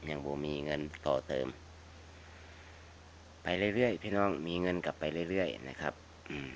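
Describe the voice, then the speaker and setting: A man's voice: extremely low pitch, lively intonation, moderate pace, slight background noise. A man with a northeastern Thai Isan accent chatting casually and repetitively to viewers as a folksy vlog host, addressing them like family. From northeastern Thailand (Isan). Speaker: video channel host. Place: outdoors around a house.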